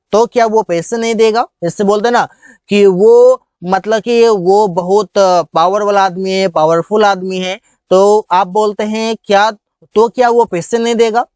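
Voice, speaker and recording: A man teaching vocabulary, explaining in Hindi and saying each example sentence slowly and deliberately. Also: sits high, a little mellow, no room sound. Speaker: English teacher. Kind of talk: bilingual vocabulary lesson.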